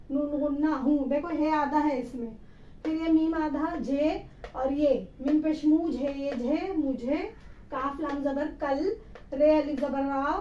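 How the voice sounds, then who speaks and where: A woman's voice: sits high, darkish tone, roomy sound, lo-fi sound, a little hiss or hum. A woman teaching an Urdu spelling lesson, patiently sounding out each letter and syllable.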